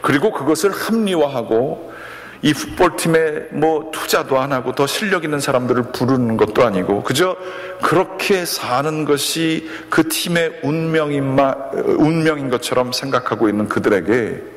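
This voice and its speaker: A man preaching a sermon as a pastor, telling a story and acting out a coach's shouted encouragement. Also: medium pitch, normal speed. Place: church sanctuary. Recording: long reverb of a church hall.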